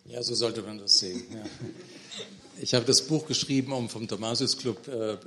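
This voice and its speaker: A middle-aged man with a gravelly edge to his voice speaks thoughtfully about his book. He hesitates often, restarting sentences and filling pauses with ums. He is speaking to an audience in a lecture hall. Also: medium pitch, pushed and bright, a little hiss or hum. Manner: hesitant, many fillers and restarts. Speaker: author at a book talk. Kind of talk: thoughtful academic talk.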